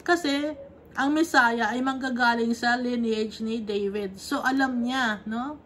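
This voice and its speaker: A woman's voice: a little high, steady tone, unhurried, a bit bright, slight background noise. A woman leading a conversational Bible study, reading verses and explaining them, often checking in with her listeners. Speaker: Bible teacher.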